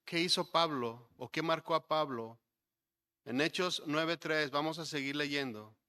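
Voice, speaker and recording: A male pastor preaching a sermon, building to emphatic points and dropping to soft, low asides. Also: unhurried, smooth. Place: church sanctuary.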